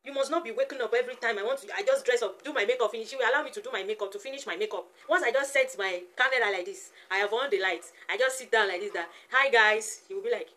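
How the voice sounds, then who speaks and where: A woman's voice: fairly high pitch, rapid-fire, hardly any pauses, a bit bright. A woman, chatting playfully in a casual vlog and cooing teasingly at her baby. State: sweating, flustered. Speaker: vlogger, mother of a baby.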